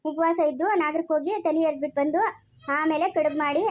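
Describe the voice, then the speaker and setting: A woman's voice: high-pitched, level tone, quick pace, a little mellow, lightly acted. A woman playing a fretful village grandmother who scolds and coaxes, speaking with a Chikkaballapur Kannada accent. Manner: anxious, scolding, coaxing. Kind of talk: village family drama.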